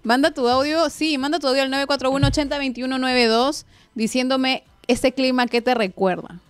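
A radio host in her twenties with a Peruvian accent runs a casual live chat in a small indoor studio, speaking into a boom-arm microphone in a playful, informal way. Her high voice is smooth and steady in tone, at a normal speed.

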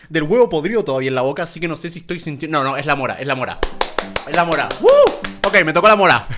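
A young man talking casually to camera, animated and exclaiming as he reacts. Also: fairly high pitch. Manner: animated, exclaims and groans at gross flavors. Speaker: YouTuber. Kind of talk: casual vlog, challenge commentary.

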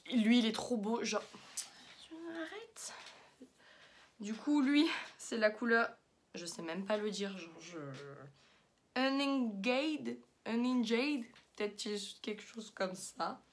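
A woman's voice: mid-range voice, unhurried, slight background noise. A young woman chatting casually through a makeup haul, with many fillers and slang words. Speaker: beauty vlogger.

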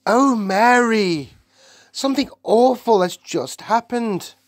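A woman's voice: on the high side, animated, slow, dry recording, clean studio sound, voice pushed up. A reader playing a shaken older queen. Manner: crying out from a nightmare, then shaken. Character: older queen, distressed sleeper.

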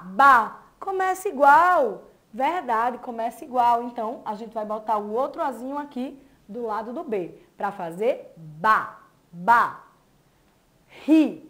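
Slow, patient woman teaching young children. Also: a little high. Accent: Brazilian Portuguese. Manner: slow, syllable-by-syllable sounding out with praise. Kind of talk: early literacy lesson for young children.

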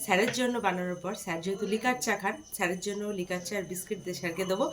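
A woman's voice: medium pitch, very fast, background noise. A woman, narrating a casual daily-life vlog from her home kitchen and chatting viewers through her chores.

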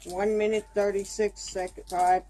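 A woman's voice: mid-range voice, level tone, moderate pace, dark tone. Woman off camera over outdoor noise. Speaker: off-camera timekeeper. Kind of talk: casual remarks. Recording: off-mic outdoors, clear street noise.

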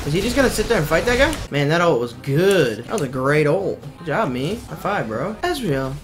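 A male streamer giving live gameplay commentary, excitable and slangy, swearing often and breaking into sudden yelps. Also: a little high, fairly quick, over music.

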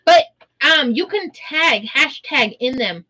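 A woman's voice: high voice, expressive, slow, sharp tone. A woman co-hosting a casual chat with sassy, jokey, mock-attitude banter. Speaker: co-host.

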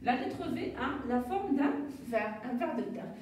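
Woman teacher, high voice, slow and deliberate, sounds out syllables, mellow tone, echoey room. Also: animated, a little hiss or hum. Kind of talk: recorded online reading and writing lesson for young children. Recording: distant mic in a very echoey room.

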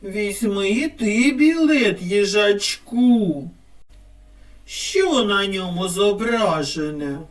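A woman speech therapist narrating a scripted children's lesson in an expressive teacher's tone. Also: mid-range voice, distant mic. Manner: slow, lively, expressive teacher tone.

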